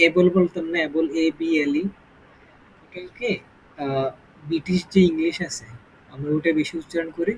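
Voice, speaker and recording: উঁচু গলায় ধীরে ধীরে বোঝানো শিক্ষক. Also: male voice, a little high, slight background noise, poor audio. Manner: explains slowly, with many check-ins to the student. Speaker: English teacher. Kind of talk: informal spoken lesson.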